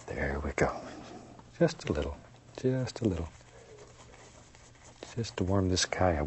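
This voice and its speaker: A low-pitched man speaks as a gentle painting instructor, soothing and unhurried. He talks the viewer through each step off the cuff, with folksy, playful encouragement. Noticeable background noise sits behind his voice. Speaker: painting instructor, show host. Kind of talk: unscripted step-by-step painting demonstration.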